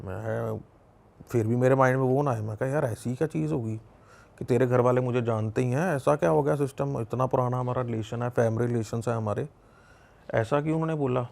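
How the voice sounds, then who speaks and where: A young man with a Punjabi accent tells a story as a guest on a talk show. His voice has a gravelly, creaky edge and sits at an ordinary pitch. He talks loosely, acting out the dialogue and circling back over his words. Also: fairly quick, darkish tone. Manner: conversational, retells dialogue with many repetitions and fillers. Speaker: podcast guest. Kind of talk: casual storytelling.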